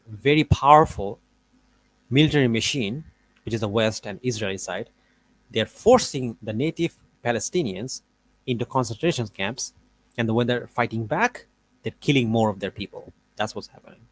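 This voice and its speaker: A man giving casual reaction commentary on a debate. He argues his case in a loose, rambling way, stopping and restarting with plenty of fillers. His pitch sits in a middle range. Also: poor audio. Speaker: debate reviewer.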